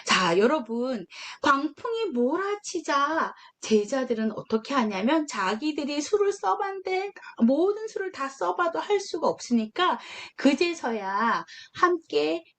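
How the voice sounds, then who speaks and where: Lively young woman preaching to children. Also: high-pitched, a little slow, hardly any pauses. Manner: storytelling, acts out dialogue with lively voices. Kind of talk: children's sermon.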